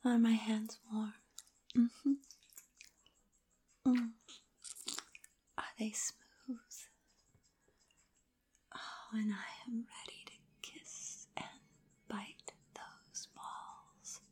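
A woman whispering an intimate roleplay in a teasing, commanding way, with soft hums between her phrases. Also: on the high side, little pitch movement, drawn-out words, long pauses, breathy edge.

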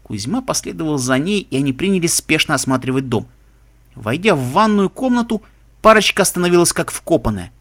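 Male audiobook narrator, slightly high voice, steady and measured pacing. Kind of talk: audiobook reading.

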